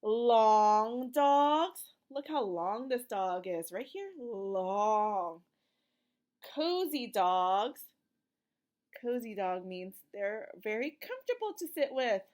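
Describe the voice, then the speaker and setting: Like a teacher, a woman reads aloud interactively to young children, asking simple questions, offering encouraging prompts and stressing the words. Her mid-range voice is very animated, slightly mellow, and she takes her time.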